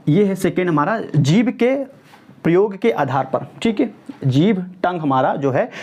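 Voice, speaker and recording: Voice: mid-range voice, a little mellow. A teacher giving an exam-prep lesson, stretching out vowel sounds to demonstrate them, slipping in English words and often checking that the class is following. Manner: keeps checking in with "ठीक है" and "clear है?"; mixes English words into explanations. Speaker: Hindi grammar teacher.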